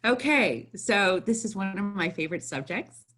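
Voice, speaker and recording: A woman's voice: mid-range voice, lively intonation, moderate pace, a bit bright. A woman co-hosting a casual spiritual conversation, guiding and prompting her partner. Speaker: podcast co-host, former therapist trainee.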